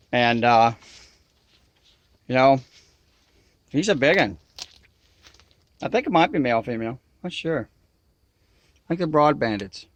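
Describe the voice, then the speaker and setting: A man with a mid-range, slightly bright voice and vocal fry makes outdoor videos, here chatting casually to camera in the river bottoms. He has a Southern US accent with a nasal twang and a folksy drawl.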